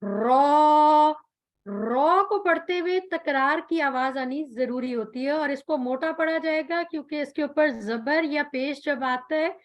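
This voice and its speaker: Female recitation teacher, high and slow, patient explainer who lingers on each letter sound. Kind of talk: tajweed pronunciation lesson.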